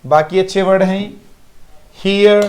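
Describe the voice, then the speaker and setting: A man with a high, steady, unhurried voice and an Indian English accent teaches English pronunciation in a live online class. He repeats each word and praises students by name.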